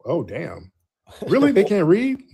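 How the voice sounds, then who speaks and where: A man's voice: high voice, huge pitch swings, measured pace, creaky, warm tone, slight background noise. An American man in a heated casual debate, challenging with repeated questions.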